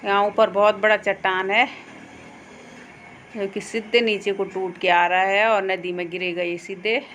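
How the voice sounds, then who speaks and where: A woman's voice: mid-range voice, level tone, unhurried, a bit bright, a little hiss or hum. A young woman narrating a casual outdoor vlog into her phone, chatty and pointing things out as she walks by a mountain stream and fields. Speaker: vlogger.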